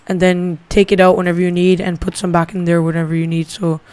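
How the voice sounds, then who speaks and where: A man's voice: high-pitched, completely flat delivery, quick pace, darkish tone, clear, resonant tone, no echo. A male gaming channel host giving a casual game tutorial, thinking aloud and rambling with lots of filler words.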